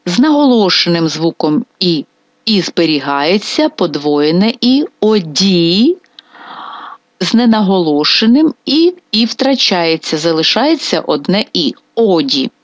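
A woman teaching a grammar lesson on video, spelling out verb forms slowly and with care. Her pitch rises and falls a lot as she stresses each ending. The sound is dry and a little dull and lo-fi. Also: big pitch swings, no echo. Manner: slow, careful drilling of verb forms. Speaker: Italian language teacher.

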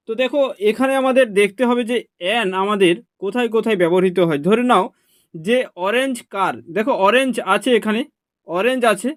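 A man's voice: high-pitched, dry recording, clean studio sound. A man teaching an online exam prep lesson, explaining step by step and checking in with his students often. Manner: explains step by step, keeps asking "ঠিক আছে?".

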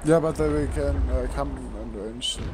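A man's voice: mid-range voice, moderate pace, background noise. A man in a tactical gaming voice chat, calling out to his teammates. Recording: very loud explosions over game voice chat. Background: artillery fire and explosions.

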